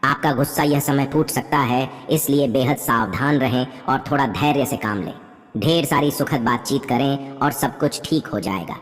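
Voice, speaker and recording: A woman reading a scripted horoscope in a steady way, often calling the listeners her friends. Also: very deep voice, in a large hall. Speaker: horoscope presenter.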